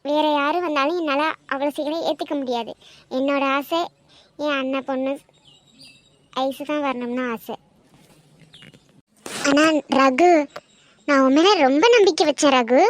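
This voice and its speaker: A woman voicing a hurt middle-aged mother in an animated cartoon, pleading and reproachful. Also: high voice, moderate pace, pauses often, natural voice. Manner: reproachful, emotional.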